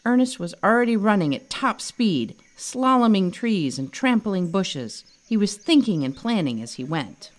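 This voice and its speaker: A woman author reads her own children's book aloud with expressive storytelling. Her mid-range voice moves at a moderate pace with few pauses.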